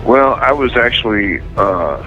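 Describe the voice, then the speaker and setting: A man in his fifties speaking haltingly with many pauses, calling in over a prison phone line. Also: mid-range voice, big pitch swings, pushed and bright, faint music behind. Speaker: inmate guest calling in.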